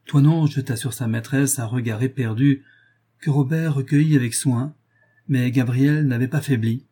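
A man narrating a novel chapter in a measured, even storytelling manner. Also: medium pitch, husky. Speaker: audiobook narrator.

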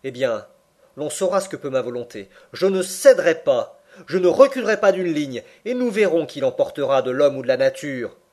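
A man's voice: medium pitch, lively intonation, fairly quick, darkish tone, natural voice. A man reading aloud and voicing a furious, stubborn professor who bellows his defiance. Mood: defiant rage.

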